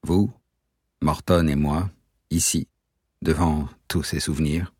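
A man voicing a calm, intense young captain who speaks in a quiet, steady, insistent way. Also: extremely low pitch, slow, breathy edge, no room sound, clean studio sound, exaggerated voice. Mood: calm, knowing.

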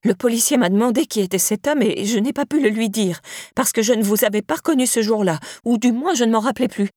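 A woman voicing a suspicious, curt elderly female neighbor in an audiobook, with a sharp, accusing manner. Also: a little high, quick pace, no echo, clean studio sound, voice pushed up, close to an everyday voice. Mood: insistent. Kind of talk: audiobook character voice.

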